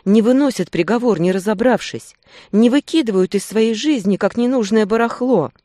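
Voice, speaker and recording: The reader voicing a young female she-wolf, frightened and furious, who shouts through tears in a romance audiobook. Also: medium pitch, moderate pace, no echo, studio quality, voice pushed up, natural voice. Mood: shouting angrily. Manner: shouting, tearful outbursts.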